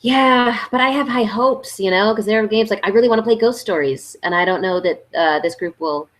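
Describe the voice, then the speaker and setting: A woman's voice: mid-range voice, brisk. A woman in her thirties chatting as a guest about board games, full of fillers and easy laughter. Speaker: guest, board game channel host. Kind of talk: casual live-stream interview.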